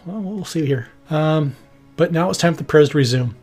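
Husky-voiced man hosting a podcast. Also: on the high side, normal speed, darkish tone, soft background music. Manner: wry, jokey asides. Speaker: podcast host. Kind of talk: reading and commenting on an account.

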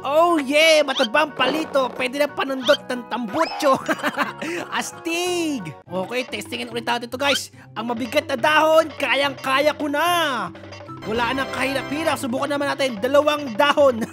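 A woman's voice: sits high, moderate pace, over music. A woman hosting her own gaming channel, giving playful, teasing commentary over gameplay and giggling often. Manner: teasing, giggly, self-mocking.

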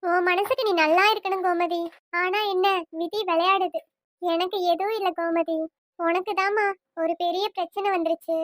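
Woman doing a squeaky-high village auntie, pleading and apologetic, dry close mic. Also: fairly even intonation, normal speed, dry recording. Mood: earnest. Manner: pleading, apologetic, repeats 'akka'. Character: worried village woman, family friend. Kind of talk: cartoon voice acting.

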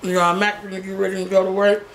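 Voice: mid-range voice, monotone, quick pace, a bit bright. A young adult YouTuber with a blunt, slangy way of talking, answering questions in a casual, chatty style. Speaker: YouTuber host. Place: small living room, indoors. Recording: roomy sound with background noise.

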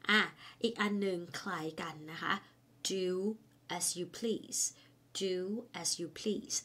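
A woman teaching an online English lesson. She explains in a chatty, friendly way with soft, polite sentence endings, and repeats each English phrase several times. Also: fairly low pitch, steady tone, very slow.

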